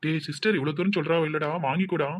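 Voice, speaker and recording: A man voicing a steady young male friend with a Tirunelveli accent, talking in a calm, soothing, reassuring way in a cartoon. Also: fairly high pitch, fast talker, pitched below the performer's own voice, lightly acted. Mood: urging. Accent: Tirunelveli Tamil.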